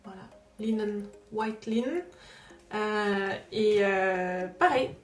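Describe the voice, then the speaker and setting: A craft vlogger takes her time as she hosts a casual unboxing video, her medium-pitched voice chatty, hesitant, and full of fillers. She's captured from a distance with roomy echo and background music behind her.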